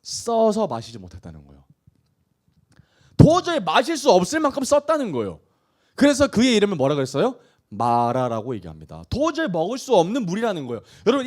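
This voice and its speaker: Lively, fast-talking male pastor preaching. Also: high-pitched. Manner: animated preaching, asks the congregation questions, acts out quoted voices. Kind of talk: sermon.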